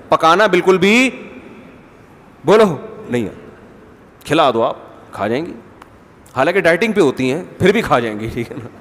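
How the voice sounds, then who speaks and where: Man preaching in a reverberant hall. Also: on the high side. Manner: conversational, humorous, asks the audience rhetorical questions. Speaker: Islamic preacher. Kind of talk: sermon-style talk.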